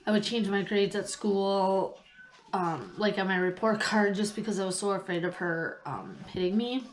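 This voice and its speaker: A woman tells her own story in a candid, conversational way. Her nose sounds stuffed up with a cold, and her voice sits at a middle pitch. She goes hesitantly, pausing to recall things as she speaks. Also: steady tone, poor audio. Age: adult past late twenties. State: has a cold. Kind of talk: candid personal storytelling to listeners.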